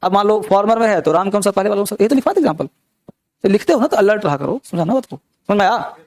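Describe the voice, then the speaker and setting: A man's voice: high voice, a little mellow, no room sound. A young man teaching an English grammar class, explaining step by step and asking the students many rhetorical questions. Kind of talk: classroom lesson.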